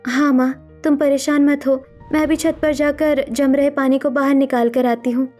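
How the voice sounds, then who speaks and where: A meek young sister answers softly and patiently in a high voice, voiced by a woman. It is a cartoon story with faint music behind her. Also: level tone, normal speed, natural voice. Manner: soft-spoken, submissive, sorrowful.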